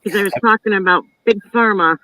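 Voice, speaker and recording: A woman's voice: mid-range voice, quick pace, sharp tone, poor audio. A woman hosting a live online talk show, chatting casually and rambling with lots of "you know" and "like". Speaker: host.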